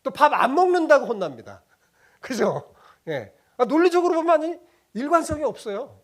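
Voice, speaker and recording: Animated high-voiced pastor preaching. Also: male voice, moderate pace. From South Korea. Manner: animated preaching with rhetorical questions and acted quotes. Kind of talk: sermon.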